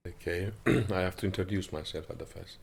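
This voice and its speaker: A man from Afghanistan, speaking halting with many hesitations as he gives personal testimony in an interview, recorded in an apartment. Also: low-pitched, creaky. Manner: halting non-native English with frequent hesitations.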